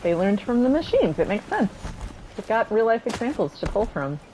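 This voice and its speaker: A woman streaming a game from her home setup, chatting in a rambling way and thinking out loud into a desk microphone. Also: medium pitch, very animated, moderate pace, a little hiss or hum, low-quality recording. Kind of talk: casual chat while gaming.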